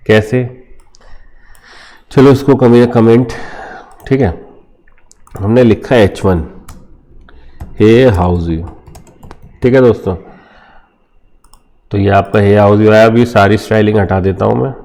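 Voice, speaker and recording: A coding tutor with an Indian accent gives an informal lesson over a screen recording, checking in often with viewers he calls friends and saying "theek hai" a lot. His voice is fairly low, steady and a little mellow, with a creaky quality, a measured pace and long pauses.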